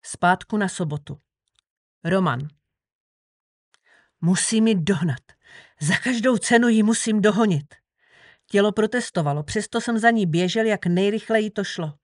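A woman narrating an audiobook in the first person with a steady reading manner. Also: mid-range voice, long pauses, dry recording.

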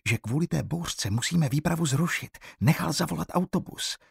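A man's voice: on the high side, expressive, vocal fry, husky, dry recording, clean studio sound, pitched above the performer's own voice, full character voice. A man reading an audiobook, voicing a frightened teenage schoolgirl who asks urgent, breathless questions. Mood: anxious. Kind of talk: audiobook character voice.

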